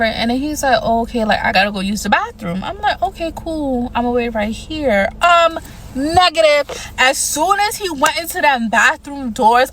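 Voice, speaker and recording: A young adult woman telling a dating horror story in a casual, animated way, emphatic and profane, with mounting indignation. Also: fairly high pitch, slight background noise, rough recording. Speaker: storyteller vlogger.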